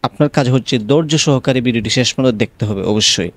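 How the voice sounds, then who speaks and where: A man teaching how to pronounce the call to prayer, spelling it out letter by letter and then chanting it in long, drawn-out melodic phrases. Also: medium pitch, no echo. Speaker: azan pronunciation teacher. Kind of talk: recitation lesson.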